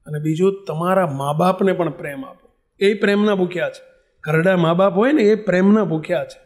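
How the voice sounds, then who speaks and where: A man delivering a sermon as a spiritual leader, earnest and emphatic as he tells a story. His speaking voice sits high for a man. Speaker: spiritual leader giving a discourse.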